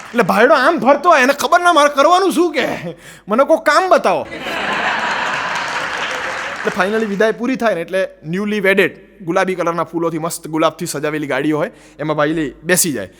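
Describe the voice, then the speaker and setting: A man with a Gujarati accent doing animated stand-up storytelling, acting out the people in his jokes. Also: high-pitched, brisk, long reverb tail, a crowd in the background, background noise. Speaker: stand-up comedian.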